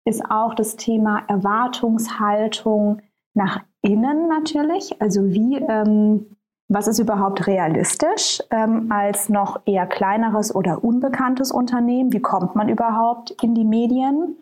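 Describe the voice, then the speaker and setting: Speaking a little slowly in a fairly high, slightly mellow voice, an author appears as a podcast guest. She muses thoughtfully during the conversational interview, pausing often and using many fillers.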